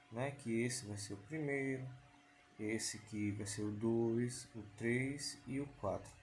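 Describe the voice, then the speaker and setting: A man's voice: medium pitch, a little mellow, slight background noise. A man teaching an online lesson. He explains patiently, repeating key points and asking rhetorical questions.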